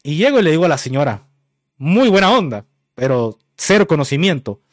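A man's voice: fairly high pitch, big pitch swings, fairly quick, no room sound, clean studio sound. A man with a Mexican accent hosting a podcast, telling a story in casual, slang-heavy speech and laughing often. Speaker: podcast host.

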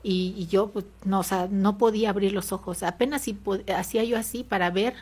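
A woman's voice: mid-range voice, steady tone, fairly quick, darkish tone, breathy edge. A Mexican woman telling a personal story in an interview, hesitant and full of fillers and tag questions. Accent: Mexican Spanish. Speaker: interview guest.

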